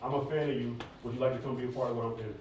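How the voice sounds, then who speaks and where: This American man, a hip hop artist and ex-college athlete from the Atlanta area of the southeastern US, talks very fast in a steady, slightly mellow mid-range voice. Answering questions at a live event, he's candid, casual and slangy, captured by a distant mic in an echoey hall with faint noise.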